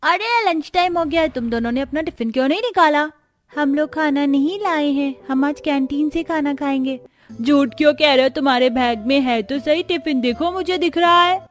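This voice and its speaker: A woman's voice: sits high, moderate pace, natural voice. A woman voicing a scornful, mocking rich schoolboy in a cartoon story. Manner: jeering, scornful. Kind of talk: cartoon voice acting.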